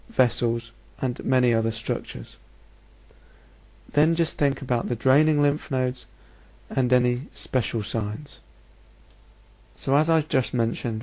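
A man's voice: medium pitch, darkish tone. A man giving a narrated lecture in a methodical, instructional manner, often posing questions as he explains. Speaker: medical lecturer. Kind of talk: narrated lecture over slides.

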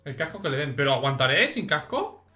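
A young man with an accent from Spain, giving casual, excitable gaming commentary to his chat and swearing freely. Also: a little high, a little fast. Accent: Spain Spanish. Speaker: streamer.

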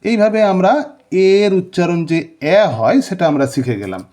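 A man teaches basic pronunciation step by step. His voice sits high and sounds soft and dark, not bright. He keeps asking questions aloud and then answers them himself. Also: very animated, a little fast. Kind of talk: classroom-style phonics lesson.

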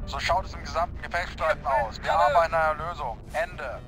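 A man's voice: fairly high pitch, fairly even intonation, a little fast. A man voicing a terse army radio operator in a game, speaking in clipped radio procedure over a military radio.

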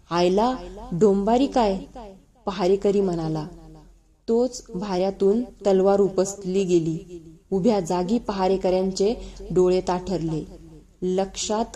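Woman narrator with a Marathi accent for a historical audiobook: slow, deliberate, mellow and warm in tone. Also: mid-range voice. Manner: slow, measured reading that voices rustic guards and villagers in dialogue. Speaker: narrator reading a historical novel aloud. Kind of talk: dramatic book reading.

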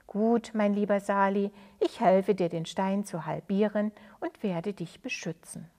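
A woman reading a children's story, voicing a loyal, protective grown male friend who speaks calmly. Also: high-pitched, a little slow. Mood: steady.

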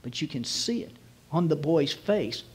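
A man preaching as a guest rabbi, retelling a scene vividly and slowing down to stress key phrases. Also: a little high, animated, a little hiss or hum. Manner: vivid retelling, drops to slow emphatic phrases. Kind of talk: storytelling sermon.

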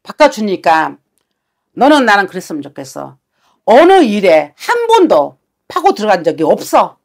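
A woman's voice: medium pitch, wildly swooping pitch, moderate pace, gravelly, darkish tone. A woman shaman giving a fortune-telling session, talking bluntly and scolding with coarse words.

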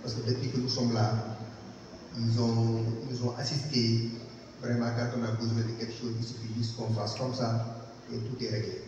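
A man giving a formal thank-you speech at an exhibition opening, halting with many fillers and restarts. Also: medium pitch, little pitch movement. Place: large hall at an art gallery. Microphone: far camera. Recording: echoey hall from far off, dull, noisy.

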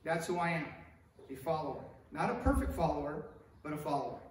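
A middle-aged man from Hollywood, California gives an animated, conversational sermon at a lectern, making wide hand gestures and posing questions to the congregation in a stone-walled church sanctuary. He speaks on the high side and fairly quickly, with a little hiss or hum. Though there's a stand mic at the lectern, the camera is far off, leaving the sanctuary very echoey.

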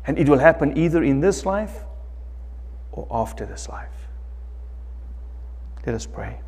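A middle-aged man preaches at a church lectern, his voice pitched a little high and his delivery very unhurried and deliberate. He leans on emphatic phrases, swelling loud and then falling to near-quiet. The church hall carries a long reverb around him. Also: expressive, breathy edge. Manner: slow, emphatic preaching with wide swings in loudness. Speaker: pastor. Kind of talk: sermon.

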